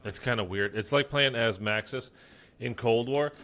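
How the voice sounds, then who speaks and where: A gaming streamer with a mid-range, fairly bright voice chats casually at a normal speed through a zombies game session. He rambles with lots of fillers and sounds stuffy and congested throughout his gameplay commentary.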